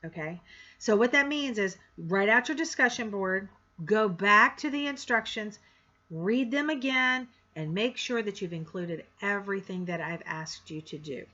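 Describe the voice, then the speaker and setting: A woman's voice: medium pitch, lively intonation, measured pace, sharp tone, highs cut off. A woman instructor giving a course introduction in a frank, direct way with sarcastic asides. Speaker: college instructor.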